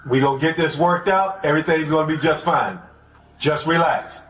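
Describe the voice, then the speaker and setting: Calm insistent police negotiator, man. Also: a little high, normal speed. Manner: calm, insistent, repeats pleas. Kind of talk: crisis negotiation. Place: inside a building. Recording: echoey body camera audio with background noise.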